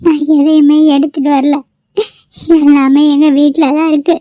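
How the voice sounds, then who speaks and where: A woman's voice: sits high, steady tone, moderate pace, mellow, no echo, natural voice. A woman voicing a timid young bride in a cartoon, pleading and fearful. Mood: tearful. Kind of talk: cartoon voice acting.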